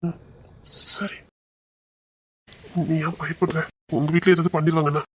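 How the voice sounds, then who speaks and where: A man's voice: on the high side, level tone, unhurried, slight background noise, natural voice. A young man acting a devoted lover who soothes and reassures his frightened partner in a romantic drama. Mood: reassuring. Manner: tender, soothing, insistent.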